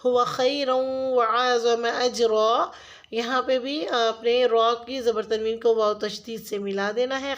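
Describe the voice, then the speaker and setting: A woman with a Pakistani Urdu accent teaches Quran recitation in a patient, step-by-step way. Her voice sits a little high, and she slows down to sound out each Arabic word carefully before explaining the rule. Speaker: tajweed teacher.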